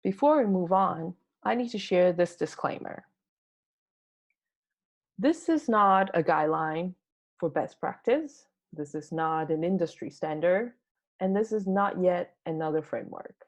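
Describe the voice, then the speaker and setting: A woman from Taiwan giving a prepared tech talk as a conference speaker, explaining things in a measured way. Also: on the low side. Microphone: home recording for online talk.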